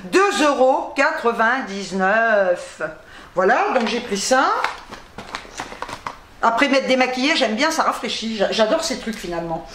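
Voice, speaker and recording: Woman, high voice, chatty rambling haul vlog, stumbles over words, echoey room. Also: lively intonation, background noise. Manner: rambling, chatty, reads product labels aloud; fast talker who trips over her words. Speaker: YouTube host.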